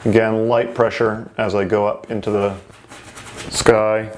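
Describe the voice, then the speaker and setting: A man's voice: on the low side, level tone, unhurried, slight background noise. A man giving an informal painting lesson in the manner of a TV painting instructor, talking through each step as he works. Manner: informal, narrates each step while working.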